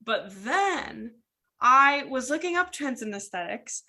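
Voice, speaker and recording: Woman podcast host, bright and highish, chatty. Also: very animated, slow pace. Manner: chatty, scripted segment intros. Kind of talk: casual podcast conversation.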